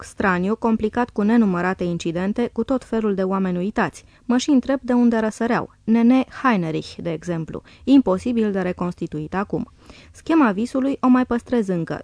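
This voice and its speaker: Lady narrating diary entries, steady even reading, dead dry mic. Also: mid-range voice, dry recording. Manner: calm, measured reading. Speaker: audiobook reader.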